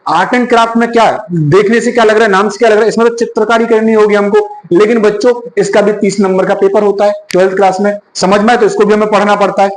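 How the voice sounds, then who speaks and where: A man's voice: high-pitched, fairly even intonation, fast, hardly any pauses, echoey room, poor audio. A male teacher lecturing to students, often checking in with "yes or no" questions. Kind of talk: classroom lecture.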